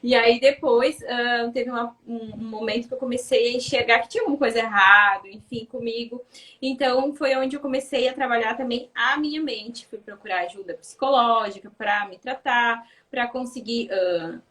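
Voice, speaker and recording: Woman in her thirties, interview guest, soft-spoken chatty delivery, slightly higher voice, a bit off-mic. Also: moderate pace, far from the mic, rough recording. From Paraná, Brazil. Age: 30s. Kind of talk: casual interview chat.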